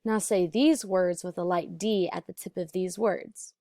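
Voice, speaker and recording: A woman narrating an instructional lesson as an accent teacher, enunciating deliberately. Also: fairly low pitch, steady tone, warm tone, no room sound, clean studio sound.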